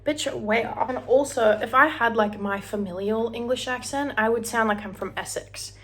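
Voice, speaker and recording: Getting ready at home, a young beauty vlogger from Australia rambles through a casual get-ready-with-me chat while working on her hair and makeup. She speaks at a normal speed in a slightly high voice with an Australian accent, now and then singing fragments of songs or lowering to a whisper.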